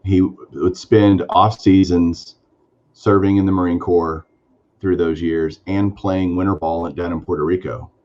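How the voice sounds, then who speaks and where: Dull audio captures a man's low-pitched, darkish voice, with fairly even intonation and a measured pace. He co-hosts a sports card podcast, talking in a casual, enthusiastic, rambling way with frequent fillers.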